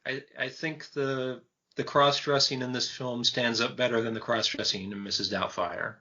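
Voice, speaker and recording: A man in his fifties co-hosting a film podcast, talking in a measured, thoughtful way with frequent pauses. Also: mid-range voice, steady tone, bright, forceful tone. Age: 50s. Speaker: podcast host. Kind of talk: casual film discussion. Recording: dull lo-fi podcast audio.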